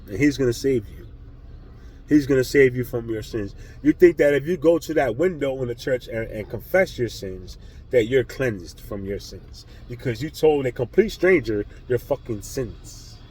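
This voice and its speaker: Man, husky voice, blunt and profane, emphatic spiritual monologue vlog. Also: medium pitch, expressive, normal speed, darkish tone, low-quality recording. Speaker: vlogger.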